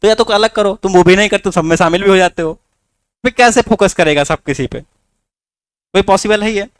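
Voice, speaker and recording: A man's voice: high voice, moderate pace, clean tone, dry recording. A man teaching a class with a north Indian Hindi accent, coaxing students with rhetorical questions. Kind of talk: classroom lecture.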